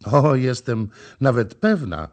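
A man reading the part of a gentle, sad young woman who calls out in a slow, soft, lamenting tone. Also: mid-range voice, sing-song, pitched above the performer's own voice. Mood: wary.

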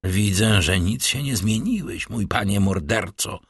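A man reading an audiobook, voicing a calm, ironic, self-assured nobleman disguised as a priest. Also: lowish voice, a little slow, gravelly, husky, no room sound, studio quality, heavily acted. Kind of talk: audiobook character voice.

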